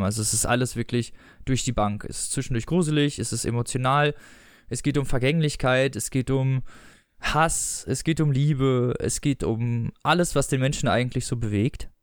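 A man's voice: medium pitch, clear, resonant tone, no room sound. Man, casual book review, chatty with restarts, reading aloud, dry recording.

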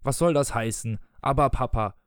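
A sulky, stubborn family father who blusters and pities himself loudly, as read by a man, in a storybook reading. The sound is dry and close. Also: mid-range voice, normal speed, clear, resonant tone, no room sound, lightly acted. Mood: wheedling. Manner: blustering and self-pitying.

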